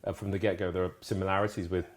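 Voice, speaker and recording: A man from Ghana who grew up in the UK, a brand co-founder talking through his products in a casual interview, thoughtful and halting with many restarts. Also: low voice, flat delivery. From Ghana, raised in the UK from age five.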